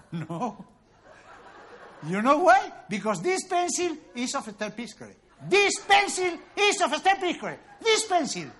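An actor playing a muddled doctor who rambles through wordplay in a comedy sketch, giggling and mock-lecturing. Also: male voice, very high voice, fairly bright tone, slight background noise, heavily acted.

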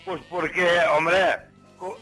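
A man from with a gravelly voice, answering hesitantly and singing haltingly on a comedy radio show. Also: high-pitched, fairly even intonation, bright, forceful tone, faint music behind. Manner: hesitant, repeats himself, sings haltingly.

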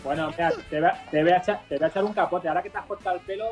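A man's voice: high-pitched, steady tone, racing, faint music behind. A man co-hosting a casual radio chat over a phone connection, bantering and teasing. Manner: banters and teases. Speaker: radio co-host calling in from Valencia.

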